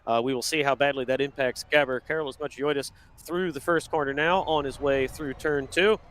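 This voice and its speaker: A man calling laps as a sim racing commentator, giving steady play-by-play and often correcting himself. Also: mid-range voice, a little fast, slight background noise.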